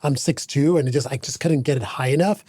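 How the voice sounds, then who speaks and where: Male host, mid-range pitch, dry close mic, affirming and curious questioner. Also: quick pace, a little mellow, husky, no echo. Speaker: podcast host. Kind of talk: casual conversational interview.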